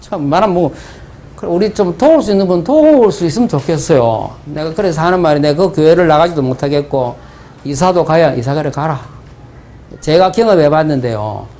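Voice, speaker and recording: A man's voice: a little high, expressive, brisk, mellow. A man with a Gyeongsang Korean accent, preaching a sermon as pastor, asking the congregation rhetorical questions and telling stories in dialect. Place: church sanctuary.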